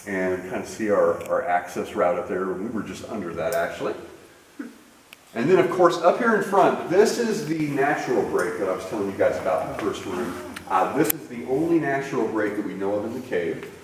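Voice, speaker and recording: Guy leading a cave tour, lowish lively voice, big cave echo, a bit far off, faint hiss. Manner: relaxed, friendly, many "uh" fillers. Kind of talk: guided tour explanation. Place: inside a limestone cave. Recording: echoey cave, mic at a distance, faint noise.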